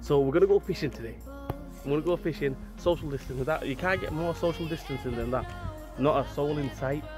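A man in his thirties talks excitedly to a camera held at arm's length, keeping up a chatty running commentary. His voice sits a little high for a man. Clear background music plays under him. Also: quick pace. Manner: chatty, excitable, says "right?" and "let's go" often. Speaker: vlogger. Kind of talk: casual vlog to camera. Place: car, outdoors in town and by a river, shop. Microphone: phone or action camera held at arm's length.

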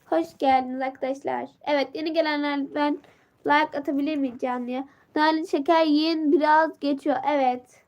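A teenage girl hosts a casual live stream from her phone, greeting viewers by name and reading their comments aloud. Her voice sits high, but a sore throat and a blocked nose leave it worn and stuffy. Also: steady tone, normal speed, darkish tone, lo-fi sound.

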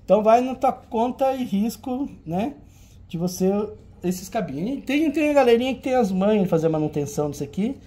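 A man's voice: sits high, expressive, a little fast, mellow. A man hosting a retro game auction, showing old cartridges in casual, teasing banter. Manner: chatty, teasing, jokey banter with a helper.

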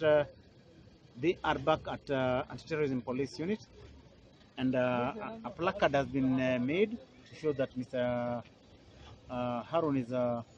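A lawyer with a medium-pitched voice speaks to the press outdoors at an airport, indignant and emphatic, repeating phrases for force. The interview is a noisy outdoor field recording with a lo-fi sound.

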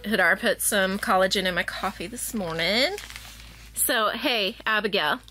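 A woman in her thirties chatting casually while filming herself in her kitchen, thinking out loud as she goes. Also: medium pitch, a little slow, slight background noise. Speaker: family vlogger. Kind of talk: casual vlog chat. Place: home kitchen. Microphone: handheld camera at arm's length.

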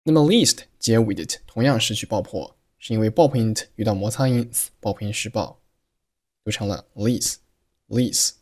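Male pronunciation teacher, low voice, methodical, repeats words slowly. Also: a little mellow. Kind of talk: explaining English pronunciation.

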